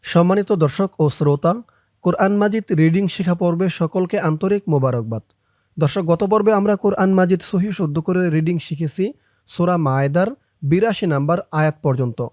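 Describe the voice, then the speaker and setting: A man teaching Quran reading who chants verses slowly and breaks them down syllable by syllable with short spoken explanations in between. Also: high-pitched, a little mellow, no echo, clean studio sound. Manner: slow drawn-out recitation alternating with quick spoken explanations. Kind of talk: Quran recitation lesson.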